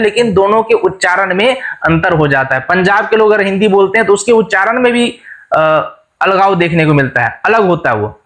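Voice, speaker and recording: A man's voice: sits high, fairly bright tone. A man teaching an exam-prep lesson, who explains each question and then restates it in plain words, often checking back with his viewers.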